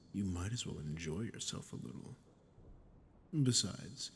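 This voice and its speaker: Here a man gives a mocking ASMR roleplay monologue to the listener as a sadistic, smug archdemon with a low, gravelly voice, toying with a captive ruler. His delivery is slow and taunting, condescending, punctuated by breathy drops. A little hiss or hum sits underneath.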